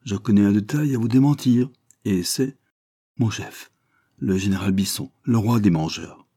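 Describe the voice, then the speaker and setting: A man voicing a husky, boastful French captain. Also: on the low side, mellow, no echo, clean studio sound. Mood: proud. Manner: quick, proud retorts. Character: boastful witty male French army captain.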